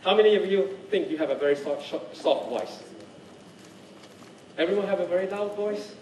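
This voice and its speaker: A man's voice: high voice, normal speed, echoey room, distant mic, slight background noise, rough recording. A man leading a speaking skills workshop, talking to the class and often checking in with "right?". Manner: lively, keeps checking in with "right?". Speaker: workshop trainer. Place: workshop room.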